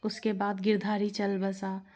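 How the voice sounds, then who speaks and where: A woman's voice: mid-range voice, completely flat delivery, unhurried, a little mellow. A woman reading a moral storybook tale aloud as narrator, voicing each character in the dialogue herself.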